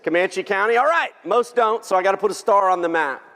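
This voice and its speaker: A man's voice: sits high, brisk, fairly bright tone. A man with a Texan accent giving a joking, folksy keynote speech to a luncheon crowd, asking the audience to vote along. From Texas. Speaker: keynote speaker. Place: large banquet hall. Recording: reverberant hall.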